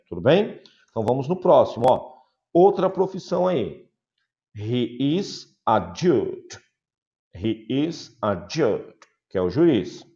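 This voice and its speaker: Brazilian guy teaching english, repeats the examples slow and checks in a lot, kinda muffled lo-fi audio. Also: mid-range voice, mellow. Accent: Brazilian Portuguese. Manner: slow, careful modeling of English example sentences; repetitive drilling with frequent check-ins. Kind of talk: online English grammar lesson.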